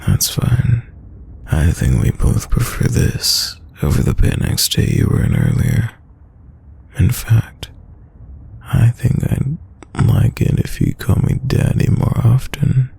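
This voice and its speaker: A man playing a tender, protective, gently dominant boyfriend in a whispered role-play, murmuring intimately and soothingly in a breathy, gravelly low voice. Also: wildly swooping pitch, takes it slowly, heavily acted. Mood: affectionate, gently dominant.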